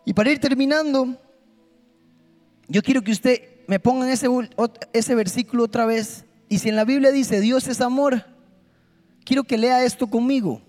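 A man preaching an impassioned, emphatic sermon in a church, swinging between soft and loud. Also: very high-pitched, normal speed. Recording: long hall reverb with faint music.

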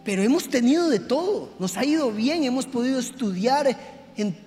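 Very high-voiced man preaching in a hall. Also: expressive, moderate pace. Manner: emotional, swings from hushed to shouting. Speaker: pastor. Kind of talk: sermon. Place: church hall. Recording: reverberant hall with faint music.

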